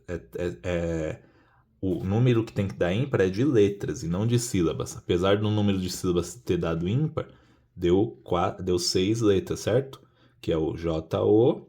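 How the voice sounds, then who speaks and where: Low-voiced man teaching cube. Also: mellow. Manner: explains step by step, rhetorical questions. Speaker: cube tutor. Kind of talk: casual hands-on tutorial.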